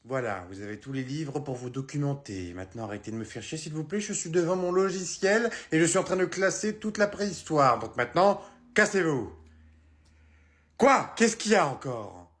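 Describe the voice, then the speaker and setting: A man's voice: on the high side, expressive, normal speed, fairly bright tone. A man playing a rude, impatient librarian in a comic sketch, snapping curt orders. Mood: irritated.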